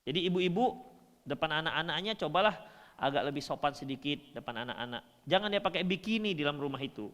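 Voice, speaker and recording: A man from North Sumatra, Indonesia, preaching a humorous sermon, shifting between loud and soft. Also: on the high side, animated, fast talker, big-room sound. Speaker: Islamic preacher.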